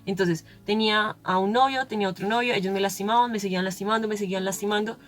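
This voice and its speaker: A woman's voice: medium pitch, fairly even intonation, fast talker, soft background music. Candid young woman. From Colombia. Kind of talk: conversational religious talk.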